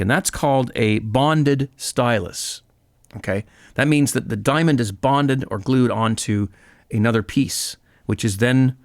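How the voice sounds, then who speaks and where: Gravelly-voiced man explaining casually. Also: medium pitch, dry recording, clean studio sound. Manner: chatty and upbeat, with frequent fillers and self-corrections. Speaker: vinyl channel host.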